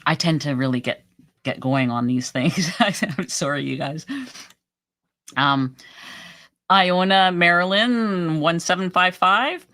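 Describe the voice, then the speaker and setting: A woman's voice: fairly low pitch, slow pace, pauses often, fairly bright tone. A woman hosting a casual live stream who answers viewer comments in an encouraging way. She often restarts and repeats her words, and says she is losing her voice.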